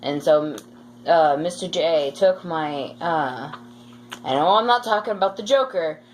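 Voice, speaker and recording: A young woman, in her teens or early twenties, vlogs about school in a low-pitched voice at a measured pace. She rambles through casual stories with a playfully dramatic streak, and faint background noise sits under the recording.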